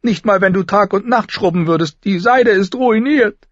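A man's voice: sits high, normal speed, breathy edge, dry recording, pitched above the performer's own voice. A man voicing a petulant, spoiled teenage noble girl in an audiobook, whiny and pleading, on a slightly dull recording. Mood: indignant.

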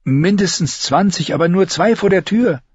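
A man's voice: high-pitched, moderate pace, slightly rough, no echo, muffled recording, voice pushed up. A man reading an audiobook, voicing a fierce, stubborn young girl who gives orders sharply. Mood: determined.

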